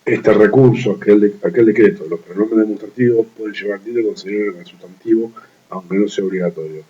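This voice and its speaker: A man with a fairly low, mellow voice reads a study text aloud at an even, methodical pace. He stops to repeat words he trips over and slips in short offhand comments. The recording sounds dull and lo-fi. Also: brisk. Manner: reads steadily, restarting stumbled words, with brief offhand asides. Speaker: law study reader. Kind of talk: reading a legal writing manual aloud.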